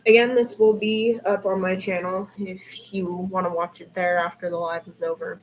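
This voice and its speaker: On a noticeably noisy amateur livestream, a woman who reads podfic and streams reads fan fiction aloud, dropping in casual asides. Her voice is on the low side, with a level tone and normal speed.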